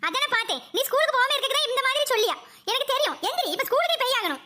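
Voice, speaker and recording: A woman's voice: extremely high pitch, very animated, noisy background. A woman voicing a bossy scolding mother. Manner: scolding, brisk commands. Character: strict, bossy cartoon mother. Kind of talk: cartoon comedy voice acting.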